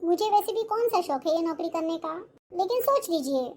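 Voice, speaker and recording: A woman voicing a sharp-tongued young daughter-in-law. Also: very high-pitched, animated, normal speed, a little hiss or hum. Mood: defensive. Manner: complaining, snappish and dismissive. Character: arrogant, scornful young working daughter-in-law. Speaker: schoolteacher character.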